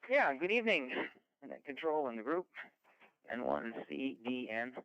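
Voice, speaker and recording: A man's voice: medium pitch, wildly swooping pitch, normal speed, clear, resonant tone, no echo. Florida man on a ham radio check-in, very clean voice through a dull lo-fi radio feed, rambling and easygoing. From Florida, USA. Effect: heard over a ham radio. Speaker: amateur radio net check-in. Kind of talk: casual radio chat. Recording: muffled lo-fi radio audio.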